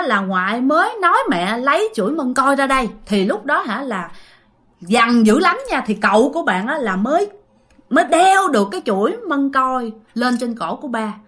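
Brief: Southern Vietnamese woman narrating a ghost story, high bright voice, chatty, talks to her audience. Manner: chatty, addresses listeners directly.

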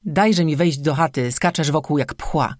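The audiobook narrator voicing a tired, short-tempered peasant husband who speaks in curt, gruff bursts, recorded dry and close. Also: mid-range voice, unhurried, no room sound, lightly acted. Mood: irritated.

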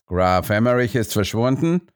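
A man voicing a smooth, evasive male diplomat who answers in a calm, measured way. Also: medium pitch, lightly acted.

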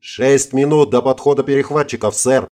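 A man's voice: medium pitch, normal speed, a little mellow, close to an everyday voice. A man voicing a combat pilot captain under fire in an audiobook, giving clipped military reports. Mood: tense. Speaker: mastodon pilot.

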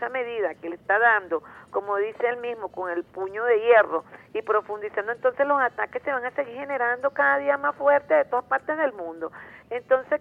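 A woman's voice: on the high side, vocal fry. A woman with a Venezuelan accent calling into a radio show over a phone line, talking emphatically and repeating words as she searches for them. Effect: heard over a phone line. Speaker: caller.

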